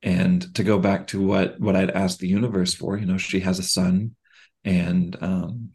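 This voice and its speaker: Low-voiced man, casual podcast talk, candid and halting, lots of ums and restarts. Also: little pitch movement, a little mellow. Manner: halting, frequent fillers and restarts; candid and reflective.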